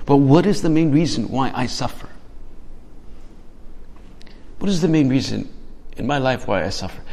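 A man's voice: mid-range voice, animated, normal speed, creaky, darkish tone. A man giving a reflective homily, asking his listeners many questions and often restarting his phrases. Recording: hall reverb.

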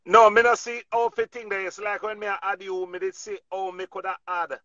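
A man's voice: high voice, little pitch movement, moderate pace, dull audio, a crowd in the background. A man with a Jamaican accent on a livestream, talking emphatically and cutting in with advice. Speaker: dancehall artist on a live stream. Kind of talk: casual chat on a livestream.

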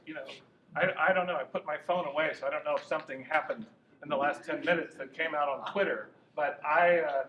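A lobbyist in his sixties gives an informal talk as a guest speaker in a university classroom, conversational and animated, gesturing as he speaks and making some restarts. His voice is fairly high-pitched, and the highs are cut off. A far-off camera with no mic captures the echoey room with faint noise.

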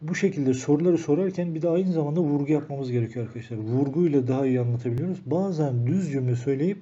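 A man teaching an English grammar lesson, slowing down to read each example sentence aloud. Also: fairly high pitch, dark tone, breathy edge. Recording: dull lo-fi recording.

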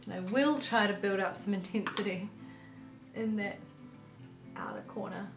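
A young woman chatting casually through a makeup tutorial, rambling with lots of filler words, her throat a little croaky. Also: medium pitch. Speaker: beauty vlogger. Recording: roomy echo with faint music.

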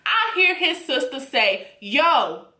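Woman, storytime vlog, bright voice, swoops up and down, roomy echo. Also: fairly high pitch, normal speed. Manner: animated, laughing, profane storytelling. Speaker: storytelling vlogger. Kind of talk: casual storytime.

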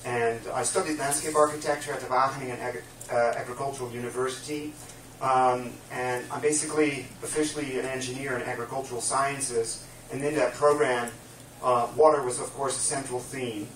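A Dutch man in his fifties, a guest speaker, gives an earnest public lecture to a small live audience in a dim room with a projection screen, explaining carefully with many fillers. His mid-range voice is steady, fairly quick, and fairly bright. A distant camera mic captures it, sounding roomy with faint room noise.

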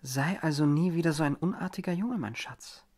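A man reading an audiobook, voicing an eerily doting middle-aged widow who talks in syrupy baby talk and hushed threats. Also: on the high side, brisk, pitched above the performer's own voice. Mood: hushed menace.

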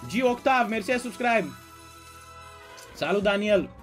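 High-voiced man bantering with live chat. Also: lively intonation, a bit bright, soft background music. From Romania. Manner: greets viewers by name, bantering with chat. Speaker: slots streamer. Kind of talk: casual live-stream chat.

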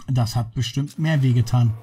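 Ein Mann kommentiert als Let's Player locker und beiläufig sein Spiel, mit stockenden Einwürfen. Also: male voice, medium pitch, warm tone, slightly rough. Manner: offhand, halting asides. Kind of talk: casual gameplay commentary.

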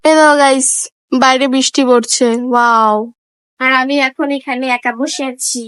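A young woman with a Bengali accent and a high voice, chatting casually into her phone camera for a vlog. She talks playfully, straight to her viewers. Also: fairly even intonation, moderate pace, fairly bright tone, clear, resonant tone, no room sound, faint music behind. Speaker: vlogger.

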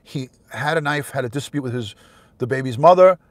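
A man in his fifties with a mid-pitched voice talks casually as a livestream host. He repeats phrases for emphasis as he comments from inside a car. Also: brisk, no echo. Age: 50s. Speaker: host, retired police detective.

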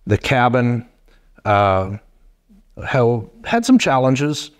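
A middle-aged man hosting a casual podcast interview, talking haltingly with many fillers and restarts into a desk mic in a wood-paneled studio. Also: mid-range voice, very animated. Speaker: podcast host. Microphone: boom mic on desk stand.

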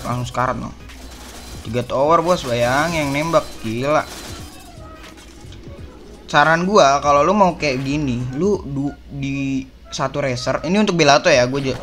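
A young man from Indonesia giving casual gameplay tips, chatty and slangy, calling his viewers boss and buddy. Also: mid-range voice. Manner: slangy, chummy, addresses viewers as bos and coy. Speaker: gaming YouTuber.

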